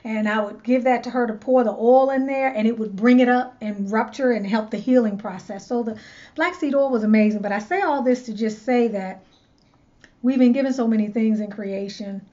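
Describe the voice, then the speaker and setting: With a warm, medium-pitched voice, a woman who styles locs and hosts a channel casually tells the camera a personal story. She's chatty and earnest, repeating words as she searches for what to say, and the audio is dull.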